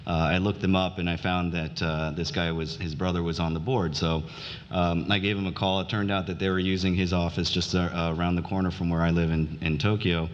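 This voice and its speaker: A middle-aged man giving a conference speech, halting with many fillers and restarts. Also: low voice, little pitch movement. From United States (grew up in New Orleans). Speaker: conference speaker. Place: conference hall. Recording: dull reverberant hall.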